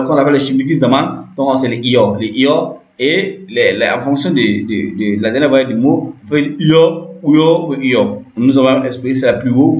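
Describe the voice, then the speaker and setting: A man walks through a grammar lesson, repeating each term and pausing to check that his listeners follow. His voice sits at an ordinary middle pitch. The recording is roomy and echoey, with a dull, lo-fi tone. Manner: repetitive, checks understanding with frequent "ok". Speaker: language teacher.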